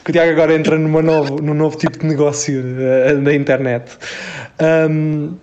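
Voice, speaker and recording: A man's voice: on the high side, flat delivery, normal speed, a little mellow, clear, resonant tone, lo-fi sound. A man with a European Portuguese accent chatting casually as a live-stream host, reading out viewer comments in a teasing, jokey way.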